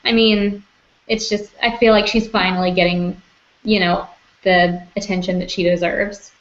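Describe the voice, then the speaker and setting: A young woman co-hosting a comic book podcast, chatting casually with animated asides and easy laughter. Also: lowish voice, normal speed. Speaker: podcast co-host. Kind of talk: casual chat. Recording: dull lo-fi podcast audio.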